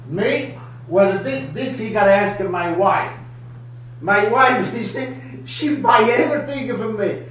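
A man's voice: high voice, slow pace, slight background noise. Old italian guy cooking live in his kitchen, broken english, kinda far off mic, super echoey. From Italy. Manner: broken English, lively, gestures a lot. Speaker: home cooking host. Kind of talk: live cooking show chat. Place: home kitchen, indoors. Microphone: camera across the counter.

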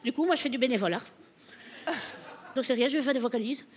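A woman's voice: high voice, quick pace, natural voice. A woman playing a tired, flustered female opera diva who stammers and breaks into song in a stage sketch.

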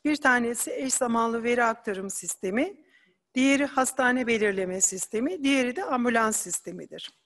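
A woman presents at an academic conference, explaining her slides in a measured way with the occasional hesitant filler. Her voice is a little high and a bit bright, and the audio has a big-room sound.

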